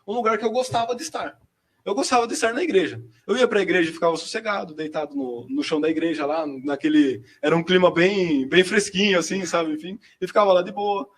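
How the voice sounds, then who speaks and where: A young man, telling his personal testimony in a chatty, slangy way as a seminarian guest. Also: high-pitched. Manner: chatty, slangy storyteller, quick and lively. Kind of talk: personal testimony in casual chat.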